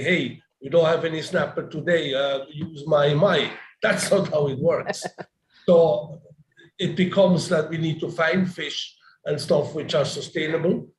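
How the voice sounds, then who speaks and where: A man with a slightly higher voice talks over a video call in a relaxed, conversational way. His sound is roomy and echoey, with faint noise behind him. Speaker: airline chef. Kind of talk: online meetup interview.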